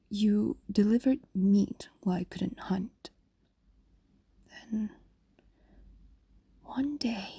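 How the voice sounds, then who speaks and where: In an ASMR-like fantasy audio roleplay, a woman plays a tender, possessive fox demon centuries old and lovestruck, fully in character. Her mid-range voice is a soft, breathy whisper, slow and intimate, coaxing with lingering pauses. There is no room sound.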